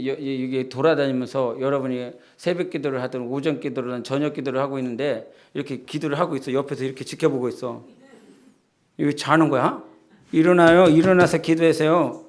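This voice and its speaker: A man's voice: mid-range voice, creaky. A man preaching a church sermon in an easy, conversational way, now and then acting out quoted lines in a raised voice. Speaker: pastor.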